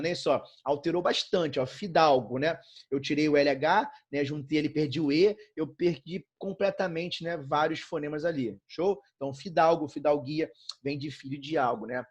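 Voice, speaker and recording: Brazilian male teacher, slightly high voice, relaxed lecture, keeps checking in with the class. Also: breathy edge, highs cut off. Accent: Brazilian Portuguese. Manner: chatty, constant checks like "né?" and "show?". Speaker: Portuguese teacher.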